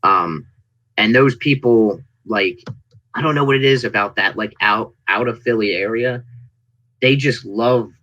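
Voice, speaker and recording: A man chatting casually as an interview guest, telling stories in an animated way and acting out people's reactions. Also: fairly low pitch, unhurried, highs cut off. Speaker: interview guest, indie wrestling performer. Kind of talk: casual interview chat, anecdotes.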